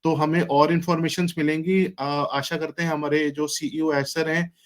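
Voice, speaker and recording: A man's voice: a little high, little pitch movement, moderate pace. Hesitant man making meeting announcements. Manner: hesitant, with many fillers. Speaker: meeting participant giving announcements. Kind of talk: casual announcement.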